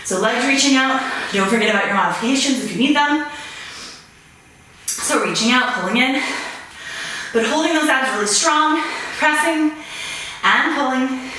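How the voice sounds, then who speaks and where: A woman's voice: high-pitched, lively intonation, normal speed, long pauses, pushed and bright. A middle-aged woman leading a workout class, encouraging, with short rhythmic coaching commands like a swim coach. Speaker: fitness instructor leading a home interval workout. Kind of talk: exercise class coaching, cueing moves. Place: small home gym room, indoors. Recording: very roomy echo, distant mic, faint noise.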